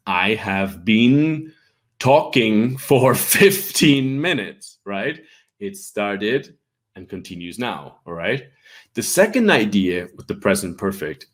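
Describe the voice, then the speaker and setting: Patient Irish teacher, soft low voice. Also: male voice. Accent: light Irish. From Ireland. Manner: patient, repeats with frequent "right?" checks. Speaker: English teacher. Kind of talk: online English lesson.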